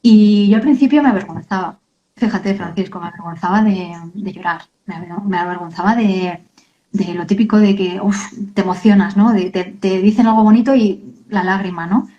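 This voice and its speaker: Guest author, woman, earnest and halting in a mellow voice. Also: mid-range voice, lo-fi sound. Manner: earnest, halting, many tag questions. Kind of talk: emotional interview talk.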